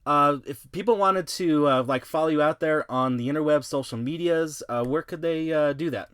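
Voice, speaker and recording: A man's voice: fairly high pitch, moderate pace, a bit bright, clear, resonant tone, no room sound, clean studio sound. A man hosting a casual podcast conversation. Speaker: podcast host.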